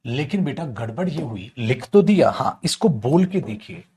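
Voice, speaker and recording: A man teaching English grammar in an online class. He teases and coaxes his students, calls them "beta" and "chhutku", acts out their questions and drags key phrases out slowly for emphasis. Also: medium pitch, a little hiss or hum. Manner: lively, teasing, addresses students as beta and chhutku.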